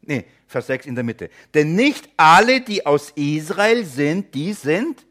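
A male pastor works through a Bible passage verse by verse, in a slightly higher-than-usual voice. He keeps throwing rhetorical questions at his listeners and now and then acts out imagined objectors. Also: sing-song, slow, a bit bright. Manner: rhetorical questions to listeners, addresses them as friends.

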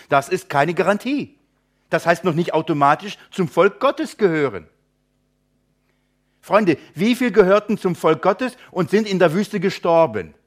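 A male pastor works through a Bible passage verse by verse, in a slightly higher-than-usual voice. He keeps throwing rhetorical questions at his listeners and now and then acts out imagined objectors. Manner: rhetorical questions to listeners, addresses them as friends.

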